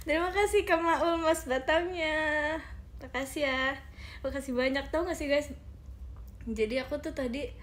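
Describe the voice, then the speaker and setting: A young woman chatting casually on a phone live stream from home, giggly and reading viewer comments aloud. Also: sits high. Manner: chatty and giggly, often addresses viewers as guys.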